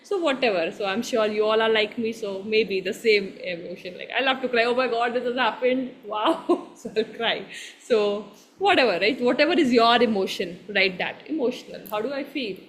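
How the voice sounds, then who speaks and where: A woman's voice: on the high side, fairly quick, a little hiss or hum. Encouraging Indian woman coaching a group. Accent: Indian English. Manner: warm, encouraging, laughs often, checks in with the group; mixes Hindi phrases into her English. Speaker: workshop coach. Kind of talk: guiding a live workshop exercise.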